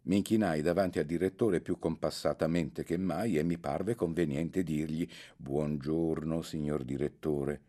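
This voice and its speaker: A man narrating an audiobook with a measured, literary reading. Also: low-pitched, fairly even intonation, mellow. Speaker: audiobook reader. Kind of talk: scripted narration.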